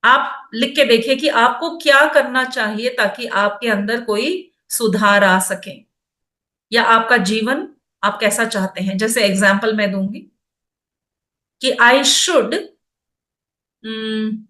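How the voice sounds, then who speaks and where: Middle-aged lady teacher giving a chatty self-help talk, slightly high voice, a bit echoey. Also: slow, pushed and bright. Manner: chatty, mixes Hindi with English phrases. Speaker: personality development teacher. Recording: roomy echo.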